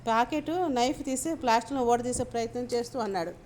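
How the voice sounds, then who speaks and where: A woman's voice: a little high, quick pace, a little mellow, slight background noise. A woman reading a novel aloud as an audiobook narrator.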